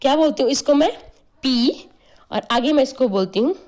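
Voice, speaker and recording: A woman's voice: high-pitched, lively intonation, normal speed, darkish tone. A woman teaching a biology class. She explains step by step, spells terms out letter by letter and keeps checking whether the students have followed. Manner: explains step by step, often asks "clear?" and "okay?"; spells out terms letter by letter, uses playful memory tricks. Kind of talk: online class lecture.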